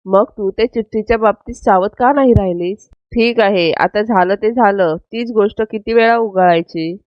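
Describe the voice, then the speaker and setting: A woman voicing a grieving middle-aged head of the household who speaks with slow remorse, in a dull, dry, lo-fi recording. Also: mid-range voice, dry recording, natural voice. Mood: stern.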